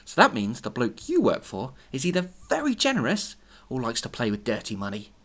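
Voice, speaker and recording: A woman reading a cold, threatening male ninja in a quiet, menacing voice. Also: medium pitch, huge pitch swings, a little fast.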